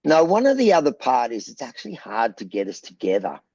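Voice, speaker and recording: A middle-aged Australian man, a rock band frontman being interviewed, telling rambling, animated anecdotes in a gravelly voice. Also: mid-range voice, a little fast, no room sound, highs cut off. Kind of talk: casual storytelling.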